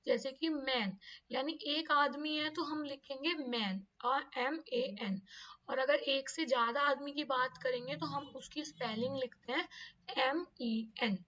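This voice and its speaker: High-voiced woman teaching grammar to kids. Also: a little slow, sharp tone. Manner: patient, spelling out words letter by letter. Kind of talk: explaining an English grammar lesson for kids. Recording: distant, dull lo-fi audio.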